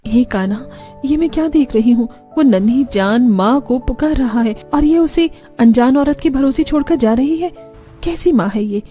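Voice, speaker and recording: A gentle cartoon village mother, voiced by a woman, soft and tender, cooing with a lively, rising voice. Faint music plays behind her. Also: high-pitched, moderate pace. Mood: dismayed.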